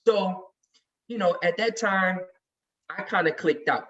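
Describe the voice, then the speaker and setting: A man's voice: high-pitched, measured pace, a bit bright. Heated man, distant and muffled. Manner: emphatic, heated storytelling. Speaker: sports podcast regular. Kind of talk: casual chat.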